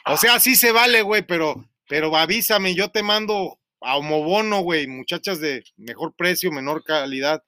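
A man's voice: a little high, normal speed, few pauses, sharp tone, no echo. A Mexican man hosting a radio talk show, rambling and joking with profanity as he tells stories.

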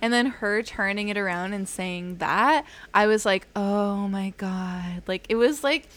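A woman co-hosting a casual chat podcast, reacting in an animated way. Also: medium pitch, a little slow. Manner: animated, reacting with gasps and laughs. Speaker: podcast co-host.

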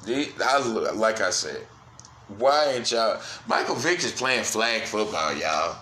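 A man hosting a solo sports podcast, cursing freely and swinging between loud outbursts and quiet, low asides. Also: very animated, slow, reverberant, slight background noise. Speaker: podcast host.

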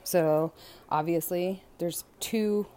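A woman's voice: lowish voice, slow pace, dark tone. A woman in a casual monologue on family dynamics, speaking hesitantly with frequent "um"s and restarts.

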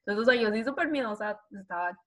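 A young woman, co-hosting a podcast and telling stories in a lively chat, acting out the voices of people in them. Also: mid-range voice, quick pace. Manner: animated, acts out voices in her story. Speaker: podcast co-host. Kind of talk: casual chat, storytelling.

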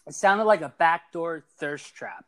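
This young host, in his twenties, keeps his sports podcast relaxed and chatty. His pitch is a bit high, and he teases and rambles into quick asides with lively energy.

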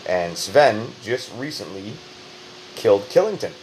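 A man's voice: fairly low pitch, sing-song, a little slow, a little mellow, a little hiss or hum, low-quality recording. A man with a Canadian accent hosting a podcast in a rambling, joking chat. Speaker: podcast host.

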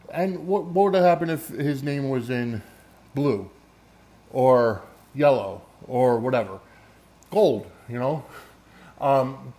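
A man's voice: mid-range voice, mellow. Man, mid-range voice, casual sports podcaster, emphatic, conversational, solo commentary. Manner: emphatic, conversational, checks in with "okay?". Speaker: podcast host.

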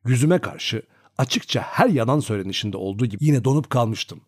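A man's voice: medium pitch, fast talker, breathy edge, no echo, clean studio sound. A man narrating a classic novel as an audiobook, reading expressively. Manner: expressive storytelling.

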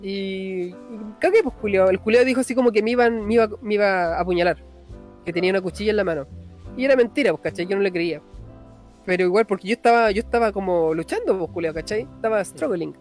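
Young Chilean man, high voice, rapid slangy storyteller, faint music bed. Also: darkish tone. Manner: fast slangy storytelling, frequent "cachai" tags. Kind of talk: casual storytelling chat.

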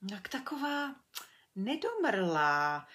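A woman's voice: mid-range voice, big pitch swings, fairly bright tone. A woman voicing a simple, good-natured male woodcutter who talks in a folksy, grumbling way in a children's storybook reading. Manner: folksy, plain-spoken, grumbling.

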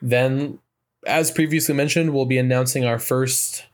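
A man co-hosting a film podcast in casual chat, brisk and dry as he steers the show toward its close. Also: medium pitch, steady tone. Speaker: podcast co-host.

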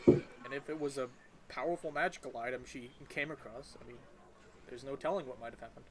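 A man's voice: mid-range voice, brisk. A man playing a tabletop game, chatting in an easygoing, joking way. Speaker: player.

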